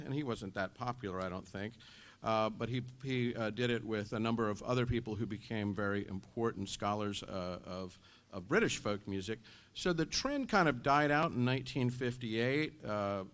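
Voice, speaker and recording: Lecturing man, thinking aloud mid-pitch. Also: a bit bright. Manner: explanatory, thinking aloud with restarts. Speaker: university lecturer. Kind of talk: classroom lecture.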